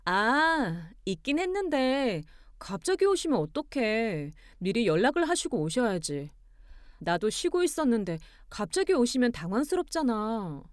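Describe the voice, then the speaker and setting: A woman voicing a composed young wife who argues back calmly and pointedly. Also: fairly high pitch, moderate pace, no echo, studio quality. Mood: cool firm. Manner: calm, pointed, arguing with cool logic.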